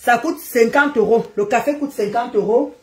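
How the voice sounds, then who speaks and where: A woman, ranting loudly at commenters during a live stream, combative and often shouting. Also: a little high, moderate pace. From Cameroon.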